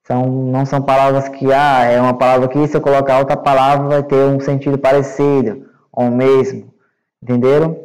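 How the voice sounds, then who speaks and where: A Brazilian male English teacher giving a recorded online class to young students, explaining slowly and patiently and checking understanding often. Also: mid-range voice, level tone, a little mellow, rough recording. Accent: Brazilian Portuguese. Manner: repeats words and checks with "né?" and "certo?".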